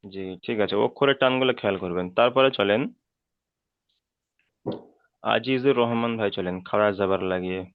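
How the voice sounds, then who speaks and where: In dry, phone-like audio from an online call, a man with a lowish, smooth voice talks at a moderate pace, leaving long pauses. He runs an online Quran class on letter pronunciation, drilling each letter with patience and regularly making sure his students keep up.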